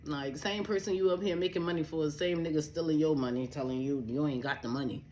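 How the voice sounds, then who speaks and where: A woman's voice: deep voice, steady tone, fast talker, warm tone, a little hiss or hum. Blunt, profane young woman venting. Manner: blunt, profane, emphatic storytelling. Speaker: vlogger, spiritual advisor. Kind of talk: candid personal rant to camera.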